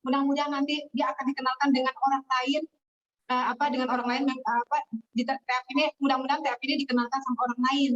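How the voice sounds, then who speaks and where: A woman telling her business success story in a lively, casual way, acting out the voices of people she quotes. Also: high-pitched, fast talker, soft background music. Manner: animated, acts out quoted voices. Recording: distant, dull lo-fi webinar audio.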